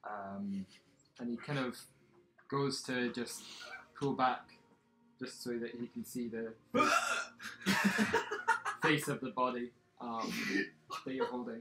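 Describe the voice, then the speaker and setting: A man's voice: mid-range voice, slow, pauses often, bright, forceful tone, echoey room. A man narrating a tabletop game as game master, hesitant with many fillers.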